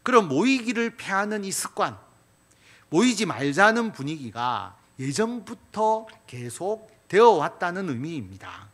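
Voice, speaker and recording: A male pastor delivers a sermon with a fairly high voice that rises and falls a great deal. He presses his points with emphatic appeals, and his sentence endings trail off quietly. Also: big pitch swings, measured pace. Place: church sanctuary.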